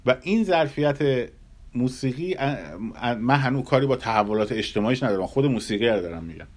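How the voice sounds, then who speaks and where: A man giving a measured lecture on Persian classical music, pausing often and sometimes humming melodies to illustrate. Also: medium pitch. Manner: hums and scats melodies to illustrate; measured, thoughtful delivery with pauses.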